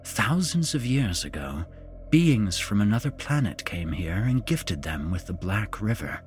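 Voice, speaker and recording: A man voicing a sinister middle-aged father turned fanatic, who speaks calmly and smugly while preaching with menace. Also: fairly low pitch, measured pace, soft background music. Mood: zealous. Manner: calm, smug, menacing preaching.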